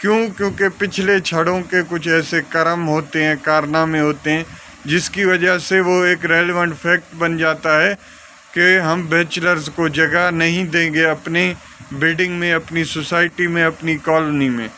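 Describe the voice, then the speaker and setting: This law lecturer, who has a Pakistani accent, teaches informally with examples, mixing English legal terminology into his Urdu and reading clauses with care. His slightly high voice shows little pitch movement and sounds pushed and bright, over slight background noise.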